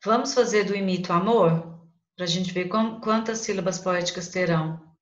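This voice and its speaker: A Brazilian woman teaching a literature class online, counting out poetic syllables slowly and deliberately. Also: lowish voice. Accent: Brazilian Portuguese. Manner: slow, syllable-by-syllable scansion. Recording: dull, roomy sound.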